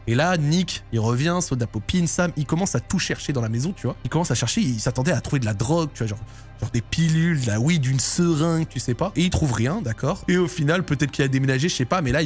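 A man's voice: medium pitch, expressive, quick pace, soft background music. A young man casually telling a strange story to his viewers, rambling and full of slang and fillers. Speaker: YouTube storyteller.

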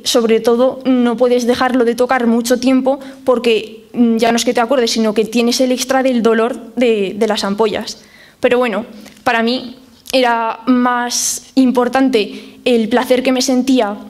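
A young harpist with a Spain Spanish accent gives a talk for families. Her voice sits a little high. She explains her points with lively spoken examples. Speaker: professional harpist.

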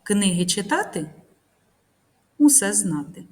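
A woman teacher narrating a recorded grammar lesson, reading example sentences slowly and carefully. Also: mid-range voice, sing-song, a little mellow. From Ukraine.

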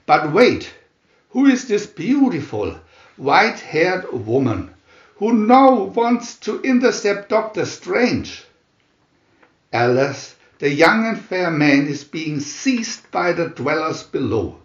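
Reading aloud from a picture booklet, this male narrator has a fairly high voice with big pitch swings, and the audio sounds dull. The comic-book story gets a theatrical, measured, swooping telling in an echoey room, scripted and dramatic.

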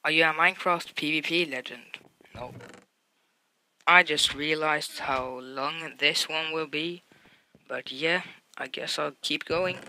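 A young man reading out viewer questions for his gaming channel and answering them in an offhand, deadpan way. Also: fairly high pitch, takes it slowly, a little hiss or hum. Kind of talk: casual Q&A vlog.

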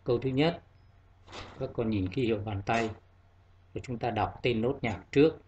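A man's voice: mid-range voice, darkish tone, a little hiss or hum. A man teaching a primary school music lesson, giving patient step-by-step instructions to children. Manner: slow, patient instructions, sings note names over instrument.

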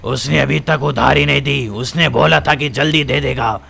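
Bossy yelling gang boss, guy doing the voice, gravelly. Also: mid-range voice, fairly even intonation, moderate pace. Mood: angry. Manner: barking, scolding. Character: angry male gangster boss, bullying and threatening.

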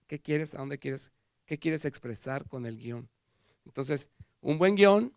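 Mexican male lecturer, gravelly, dry close sound, animated storyteller. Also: medium pitch, dry recording. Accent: Mexican Spanish. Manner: animated storytelling with acted quotes. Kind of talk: conference talk. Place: lecture hall.

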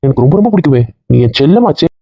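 A man's voice: on the high side, sing-song, very fast, dark tone, no echo, highs cut off. A man in a casual comedy skit, teasing and mock-threatening the others in a bossy way.

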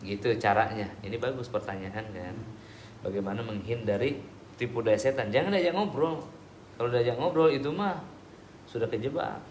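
A man's voice: mid-range voice, normal speed, darkish tone, slight background noise. A man, an ustaz answering questions from his audience in a conversational way, acting out little dialogues and checking that they understood. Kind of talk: religious talk with audience Q&A. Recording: echoey hall.

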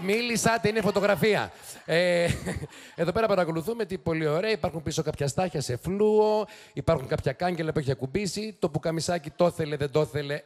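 A man hosting a TV show, giving teasing, sarcastic commentary to a studio audience. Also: a little high. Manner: sarcastic, teasing, quick mocking asides. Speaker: TV show host. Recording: noisy studio with loud audience. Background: studio audience laughing and cheering.

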